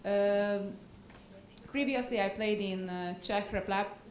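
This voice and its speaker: A woman's voice: medium pitch, slow. A woman in her thirties with a Hungarian accent introducing herself as a guest speaker, hesitant with many fillers. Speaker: guest speaker, basketball player. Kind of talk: self-introduction. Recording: echoey hall with faint noise.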